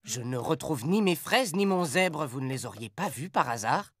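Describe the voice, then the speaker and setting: A woman's voice: sits low, lively intonation, normal speed, husky, dry recording, studio quality. A woman voicing a puzzled female character in an educational cartoon. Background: music.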